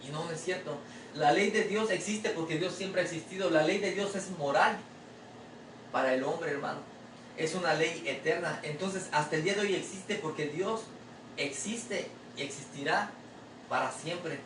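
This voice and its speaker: A man's voice: a little high, moderate pace. Man preaching in an echoey church. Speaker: pastor. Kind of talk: sermon. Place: church sanctuary. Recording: echoey room, distant mic, faint ambient noise.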